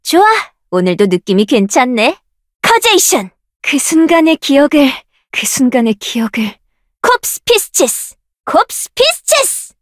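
A bold young rift researcher. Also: female voice, high-pitched, big pitch swings, unhurried, dry recording, studio quality. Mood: battle shouts. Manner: bold, self-assured, commanding skill shouts. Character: proud, confident young woman researcher of dark rift powers. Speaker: voice actress for a game character. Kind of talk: game voice lines, battle shouts.

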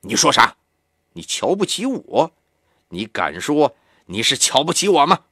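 A man reading an audiobook, voicing a boastful, bound older male captive who talks low and scornfully. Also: big pitch swings, unhurried, pushed and bright, no room sound, studio quality, exaggerated voice. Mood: angry.

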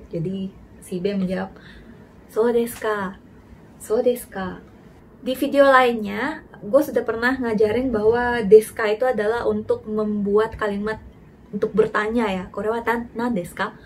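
A woman teaching a casual language lesson, slowing down to say model sentences carefully between quicker explanations. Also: on the high side, a little mellow, slight background noise.

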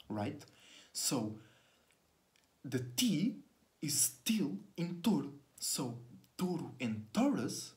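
A man in his twenties, a native Portuguese speaker who vlogs about astrology, muses earnestly to camera in a small bedroom. His casual spiritual monologue is searching, full of restarted words, and he gestures widely with both hands. His mid-range voice is a little mellow, picked up close by a laptop webcam.

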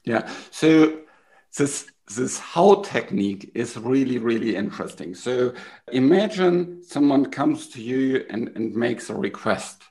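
A man's voice: medium pitch, lively intonation, unhurried, a little mellow. A man hosting a podcast, chatting casually and affirming his guest, often doubling words for emphasis. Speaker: podcast host.

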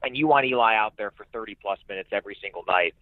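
A fast-talking man with a lowish voice joins a radio broadcast as a guest, discussing sports conversationally and with emphasis, repeating phrases as he goes. There is no room sound, and the audio comes through muffled and band-limited, like a telephone.

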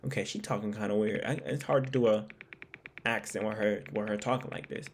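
A man's voice: on the low side, steady tone, fairly quick, a little hiss or hum. A man chatting casually through a mystery game as a gaming YouTuber, repeating himself as he plays. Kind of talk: casual gameplay commentary.

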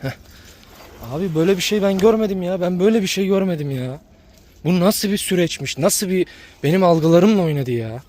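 A man with a high but mellow voice talks casually to his viewers in a vlog. He speaks straight to his dogs and often repeats the same phrases. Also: lively intonation, fairly quick. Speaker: dog breeder vlogger.

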